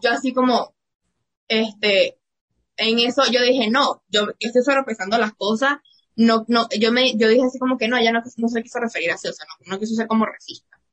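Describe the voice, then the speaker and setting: A woman's voice: a little high, fairly quick, a bit bright. A young woman from Venezuela with a Venezuelan accent, a student guest telling a personal story with many fillers. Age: young adult.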